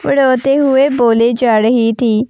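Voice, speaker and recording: A woman narrating a romance novel in a steady reading voice. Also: high voice, clear, resonant tone, no echo, muffled recording. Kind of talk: storybook narration.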